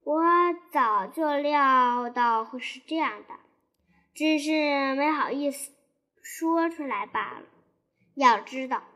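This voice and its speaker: Storybook: prim, reproachful rabbit, slow and pointed, a woman voicing him. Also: high-pitched, bright, forceful tone, heavily acted. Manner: huffy, reproachful. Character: fussy, sharp-tongued male rabbit.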